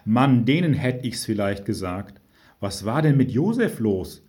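A man voicing a rough, outspoken girl who fires off blunt, indignant questions. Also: lowish voice, very animated, a little slow, darkish tone. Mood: insistent.

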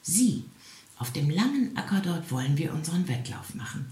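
A woman voicing a sly, stubborn little male hedgehog in a storybook reading, brisk and bossy. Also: very animated, dark tone. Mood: scheming. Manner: brisk and bossy, higher than the narration. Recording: echoey room.

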